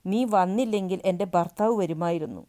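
A woman's voice: lowish voice, normal speed, lightly acted. A woman voicing an anxious wife in her forties who pleads and then turns furious, in a read-aloud story. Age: 40s. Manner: pleading, rising to shouts.

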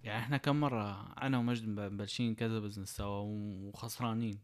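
Fast-talking young Syrian man, casual. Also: lowish voice, steady tone. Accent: Syrian Arabic. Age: young adult. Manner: explains with everyday examples and rhetorical questions. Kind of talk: casual chat.

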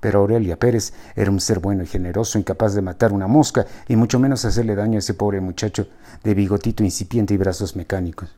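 A man reading a novel aloud as narrator, in an expressive, wry storytelling manner. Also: fairly low pitch, quick pace.

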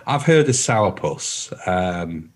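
A man's voice: low-pitched, very animated, slow. A man co-hosting a radio show, chatting casually and enthusiastically. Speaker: radio co-host.

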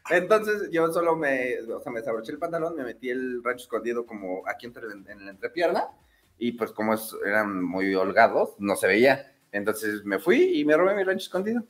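Relaxed Mexican man telling stories. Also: mid-range voice, fairly quick. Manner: relaxed, candid, many fillers. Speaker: podcast guest. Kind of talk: casual storytelling.

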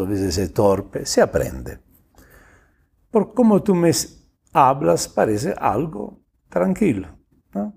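A man's voice: mid-range voice, dark tone, husky. A man hosting an advice show, answering a listener's message in a casual, blunt way, with slang and swearing. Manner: reads out the listener's words and then comments.

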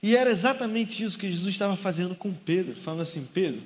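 With a high voice and a quick pace, a young youth pastor from Rio de Janeiro shares a personal anecdote in a sermon. He speaks with a Rio Portuguese accent and plays out the dialogue himself.

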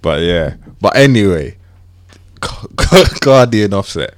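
A man's voice: lowish voice, very animated, a little slow. A man in his thirties with a London roadman accent, chatting playfully in slang as a podcast co-host. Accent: London, urban roadman slang style. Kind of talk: casual banter chat.

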